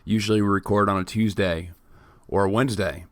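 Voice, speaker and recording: A man's voice: fairly low pitch, fairly even intonation, a little fast, no echo, clean studio sound. A man in his late twenties co-hosting a casual podcast chat, joking and rambling with many restarts. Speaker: podcast co-host.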